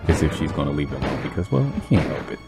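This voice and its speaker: Deep gravelly-voiced man joking through gameplay. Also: very animated, racing. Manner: sarcastic, teasing about the game. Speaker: let's play host. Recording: commentary over game music.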